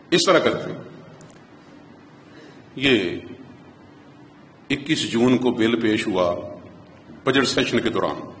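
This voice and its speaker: Impassioned preacher in an echoey hall. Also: male voice, medium pitch, slight background noise. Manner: impassioned, rising to emphatic peaks. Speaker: Friday preacher. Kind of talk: Friday sermon. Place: mosque prayer hall. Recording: echoey mosque hall with long reverb.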